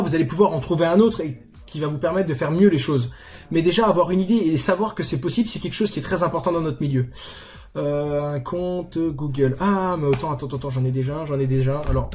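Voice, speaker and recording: A man's voice: fairly high pitch, a little mellow. A young man hosting a casual screen tutorial, chatty and self-mocking, with crude slang. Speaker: YouTuber tutorial host.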